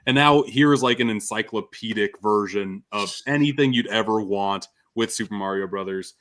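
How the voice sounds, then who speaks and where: Lower-voiced man in earnest casual chat. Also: normal speed, a bit bright. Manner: earnest, appreciative. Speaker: award show panelist.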